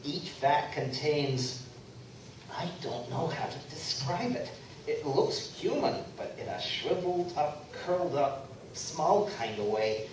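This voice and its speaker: A man with a fairly high, animated voice plays a naive, earnest young reporter, slowly narrating a mock-serious documentary radio play. It's a live stage performance in a convention room, recorded with a distant mic, so the sound is very echoey and noisy.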